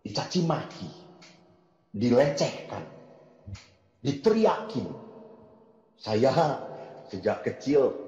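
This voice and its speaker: A middle-aged man preaching to a congregation, telling lively personal stories, and moving between soft and loud delivery. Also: lowish voice. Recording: echoey hall, dull sound.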